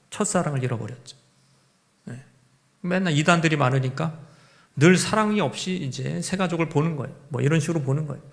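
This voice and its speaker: Male pastor giving a sermon, fairly high voice, chatty, keeps asking the congregation questions. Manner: conversational preaching with rhetorical questions.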